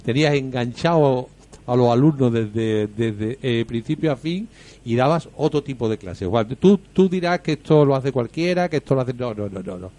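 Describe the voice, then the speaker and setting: A man co-hosting a local radio show who speaks hesitantly, with many pauses. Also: mid-range voice, lively intonation, warm tone. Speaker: radio co-host. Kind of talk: casual chat.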